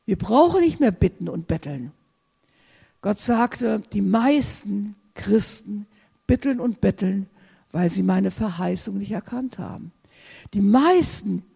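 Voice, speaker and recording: A woman preaching a charismatic sermon, fervent, swinging between loud exclamations and hushed whispers. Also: mid-range voice, vocal fry, slightly rough. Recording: long hall reverb.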